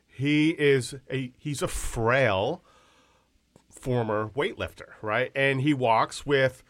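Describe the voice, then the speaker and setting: A man's voice: medium pitch, takes it slowly, fairly bright tone, no echo. Blunt, dry-sounding man co-host. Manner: blunt, swears, jumps in with tangents. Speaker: podcast co-host. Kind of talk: casual podcast chat.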